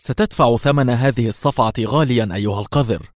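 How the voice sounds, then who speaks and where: Fierce defiant woman agent, scornful, in a low dry voice from a male narrator. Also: very animated, quick pace, darkish tone, breathy edge, dry recording. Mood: furious.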